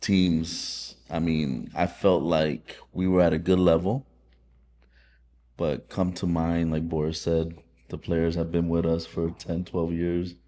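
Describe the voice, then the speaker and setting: A soccer team manager talks bluntly and confidently on a podcast. His voice sits low and mellow, with little rise and fall. He is a man who says what he thinks. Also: level tone, takes it slowly. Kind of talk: casual podcast chat.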